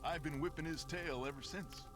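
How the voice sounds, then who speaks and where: A man's voice: a little high, fairly even intonation, moderate pace, music in the background, lightly acted. A man playing a boastful Canadian construction worker. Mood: gruff. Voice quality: boastful, gruff and folksy. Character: folksy middle-aged male construction worker, lodge guest. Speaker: game character.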